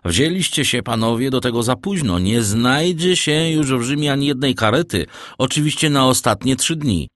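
A man's voice: lowish voice, expressive, unhurried, dry recording, clean studio sound. A man reading an audiobook, voicing a fawning, wily middle-aged innkeeper who speaks emphatically and obsequiously. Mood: emphatic.

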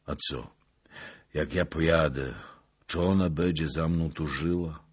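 A man voicing a gruff, brooding young Cossack man. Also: very deep voice, steady tone, measured pace, full character voice. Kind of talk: audiobook character voice.

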